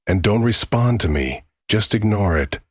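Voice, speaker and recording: A man voices a troubled girlfriend in a narrated horror story, embarrassed and pleading. The delivery is hesitant and earnest, husky in texture, with a dry, close sound. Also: fairly low pitch, lively intonation, normal speed, no echo, pitched above the performer's own voice. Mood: earnest warning. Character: embarrassed, pleading young girlfriend confessing a frightening secret.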